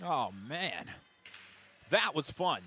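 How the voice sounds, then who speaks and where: A man calling a girls' high school hockey game as play-by-play announcer on radio, with rapid calls that jump to excited shouts on big plays. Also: slight background noise. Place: ice arena broadcast booth.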